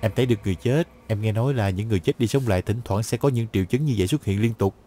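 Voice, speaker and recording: A man's voice: on the low side, racing, dark tone, lightly acted. A male voice actor dubbing a cocky young male detective who talks in a playful, chatty way, over background music. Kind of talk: dubbed drama.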